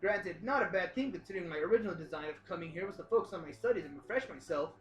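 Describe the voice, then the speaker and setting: A woman reading a visual novel aloud in a let's play, joking about the text and squeaking out sound effects. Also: lively intonation, racing, reverberant, faint music behind. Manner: playful, jumps into high squeaky voices for sound effects. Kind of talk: reading game text aloud with jokey commentary.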